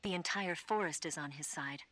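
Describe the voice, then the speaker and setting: In video game radio-call dialogue, an actress portrays a cool, confident female spy briefing the player in an assured, matter-of-fact and urgent way. Her voice is low yet fairly bright, moving at a moderate pace, with no room sound.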